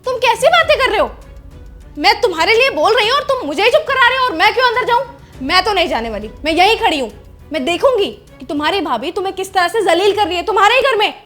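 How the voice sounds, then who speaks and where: A woman's voice: very high-pitched, big pitch swings, fast, a bit bright, faint music behind, full character voice. A woman playing an indignant young wife who confronts her sister-in-law in a scripted family drama. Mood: scolding. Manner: confrontational, scolding.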